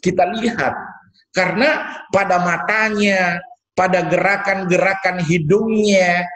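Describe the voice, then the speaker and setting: A man's voice: high-pitched, fairly bright tone, roomy sound, low-quality recording. A man, lecturing students in a conversational way, repeating words and answering his own questions. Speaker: university lecturer.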